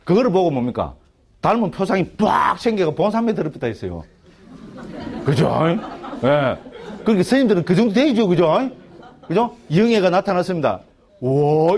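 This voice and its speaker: Fast-talking monk lecturing, Gyeongsang accent. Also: male voice, fairly high pitch, a little mellow. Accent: Gyeongsang Korean. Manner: chatty, asks "right?" constantly, many restarts. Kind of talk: Buddhist text lecture to a class.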